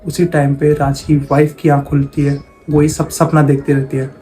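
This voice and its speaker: Higher-voiced man telling a spooky tale. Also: level tone, moderate pace, warm tone, soft background music. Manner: conversational, repeats phrases for emphasis. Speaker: horror storyteller. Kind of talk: casual spoken horror storytelling.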